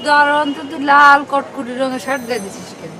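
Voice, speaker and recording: A woman's voice: high voice, quick pace, bright, forceful tone, rough recording. A woman playing a teasing woman of the household who mocks the gatekeeper in a comic drama. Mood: mocking. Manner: mocking and teasing. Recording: music and crowd noise behind the voice.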